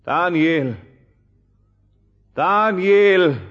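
A booming, commanding king, voice raised high, proclaiming slowly and forcefully in a radio play. The recording is slightly muffled. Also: expressive, big-room sound, heavily acted. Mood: anguished, urgent.

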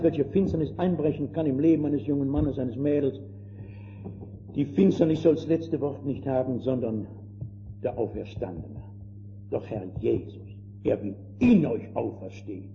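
An older man preaching a fervent sermon, calling his listeners friends and swinging between hushed and emphatic delivery. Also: mid-range voice. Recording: dull lo-fi old sermon recording with faint noise.

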